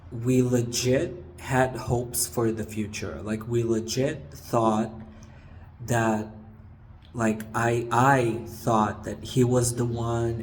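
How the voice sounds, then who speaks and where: A man in his twenties talking casually and confessionally to camera, hesitant and halting, with trailing pauses, recorded in a stairwell. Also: mid-range voice. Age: 20s. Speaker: vlogger. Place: stairwell of an apartment building. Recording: echoey stairwell with background noise. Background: faint ambient building noise.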